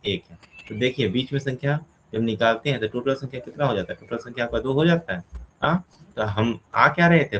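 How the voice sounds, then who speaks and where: A man's voice: medium pitch, fairly bright tone, a little hiss or hum, low-quality recording. A man teaching a reasoning class, asking questions aloud and answering them himself while counting through steps. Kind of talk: explaining a classroom problem.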